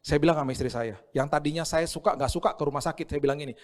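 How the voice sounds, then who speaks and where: A man's voice: very fast, a little mellow. Man preaching with sudden voice changes. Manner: conversational preaching, acts out dialogue with sudden high-pitched voices; mixes English phrases into his talk. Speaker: pastor. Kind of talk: sermon.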